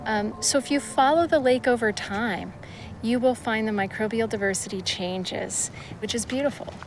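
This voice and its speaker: A woman's voice: fairly high pitch, normal speed, low-quality recording. A woman speaking as a scientist, explaining her research in an unscripted documentary interview. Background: music under the voice.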